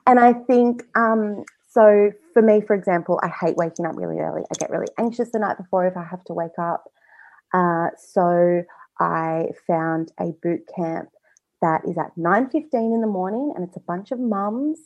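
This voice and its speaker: A woman's voice: lowish voice, moderate pace, a little mellow. A woman guest on a podcast, talking in a casual, chatty way, with many fillers, and often quoting her own thoughts. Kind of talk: casual personal interview. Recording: slightly dull lo-fi audio.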